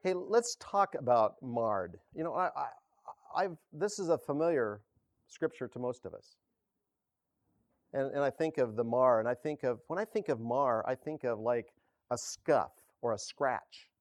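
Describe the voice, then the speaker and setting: A man preaching a casual sermon, halting and correcting himself, often chuckling. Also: mid-range voice, animated, no echo. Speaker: pastor.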